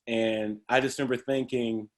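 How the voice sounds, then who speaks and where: A man's voice: mid-range voice, level tone, normal speed. A middle-aged man telling stories about his life in a casual interview, humorous and often laughing as he talks. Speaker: interview guest. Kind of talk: storytelling in a casual conversation.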